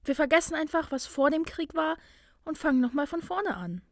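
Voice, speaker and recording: A woman voicing a clever, self-assured young witch student, brisk and bright. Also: high-pitched, animated, no echo, clean studio sound, voice pushed up. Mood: friendly.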